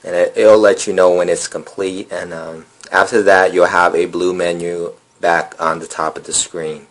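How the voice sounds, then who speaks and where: Seated at a table indoors, this man hosts a phone repair tutorial and casually guides viewers through resetting a phone one step at a time. His voice sits low and moves at a moderate pace, loose and relaxed, full of ums and uhs.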